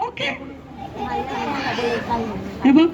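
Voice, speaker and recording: A woman ventriloquist performing live stage comedy, questioning and scolding her puppet like a teacher. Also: extremely slow. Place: live event with audience. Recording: lo-fi live recording, noisy crowd.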